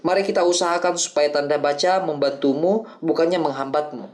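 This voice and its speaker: A man reading the lines of an older male acting teacher who explains things calmly and patiently in an audiobook. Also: fairly high pitch, brisk, natural voice. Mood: instructive. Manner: calm, explanatory lecturing.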